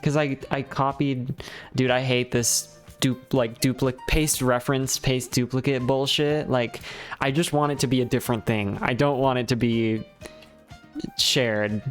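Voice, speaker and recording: A man's voice: mid-range voice, level tone, a little slow, soft background music. A man streaming live through a headset mic, muttering and rambling to himself while fiddling with his stream setup and swearing when it goes wrong. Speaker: livestreamer. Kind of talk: casual livestream chat while setting up stream software. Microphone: headset mic on a livestream.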